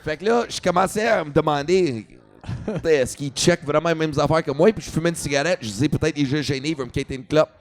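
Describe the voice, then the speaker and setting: A young man with a Quebec French accent tells a comedy story in a relaxed way. His voice sits a little high for a man, and he swears often and switches into English for lines. He is speaking on a podcast. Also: fast. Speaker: comedian guest. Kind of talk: casual storytelling. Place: podcast studio at a comedy festival.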